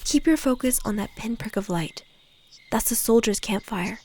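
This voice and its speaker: A woman's voice: on the high side, expressive, moderate pace, darkish tone. A woman playing a protective guide in an audio drama, sensible and dryly exasperated, teasing as she encourages. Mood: focused, cautious.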